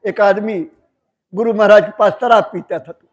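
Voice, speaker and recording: A man's voice: high-pitched, steady tone, moderate pace. A man giving a devotional sermon, telling folksy parables in a colloquial way and acting out the dialogue. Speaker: satsang speaker.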